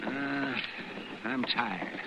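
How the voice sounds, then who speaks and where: An actor playing a cranky, weary, sardonic older town doctor who grumbles, in old-time radio Western style. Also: male voice, medium pitch, extremely slow, dull audio. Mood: weary, fed up. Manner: grumbling, crotchety. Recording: very noisy vintage radio recording.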